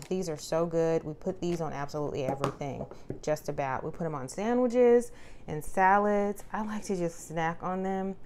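A woman narrating a grocery haul at her kitchen counter in a relaxed, chatty way with lots of fillers. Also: fairly low pitch, slight background noise. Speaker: vlogger showing a grocery haul. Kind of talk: casual narration over product shots. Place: indoors at a home kitchen counter.

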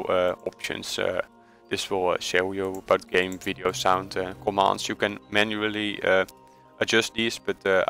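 A man from the Netherlands, deep-voiced and a bit bright, casually talks viewers through a game in a screen-recorded tutorial. His Dutch accent comes through, along with many hesitant fillers and self-corrections.

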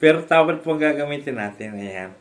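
A man from the Philippines, a stroke survivor, casually demonstrating home exercises with halting speech, frequent fillers and restarts, and often laughing as he explains. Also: a little high, lively intonation. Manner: polite, addresses viewers respectfully. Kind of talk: casual instructional vlog.

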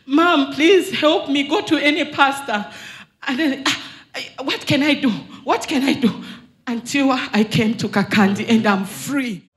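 Unhurried and high-voiced, the young Zambian woman shares her church testimony through a handheld mic in a large hall. She is earnest and emphatic and retells dialogue as she speaks.

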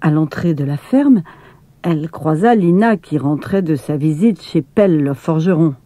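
Woman narrating a kids storybook, unhurried, soft mellow voice, very dry. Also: low-pitched, no room sound. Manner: calm, measured reading.

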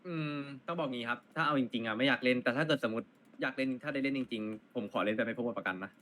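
A man who talks very fast in a mid-pitched voice. He holds his ground politely but stubbornly, and his tone is bright and forceful. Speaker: roleplay game player. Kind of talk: casual gaming talk.

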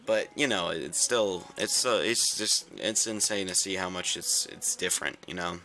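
A man's voice: deep voice, normal speed, bright, forceful tone. A young man casually commenting while he plays a game, rambling with lots of fillers. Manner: rambling, chatty, reacting to the game, many fillers. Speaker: gaming video host. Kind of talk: casual let's-play commentary.

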